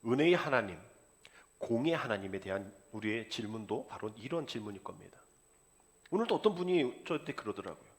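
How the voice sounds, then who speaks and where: A male pastor preaching a sermon, acting out the characters' words in lively dialogue. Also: medium pitch, brisk. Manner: animated preaching, acts out the father and son in dialogue.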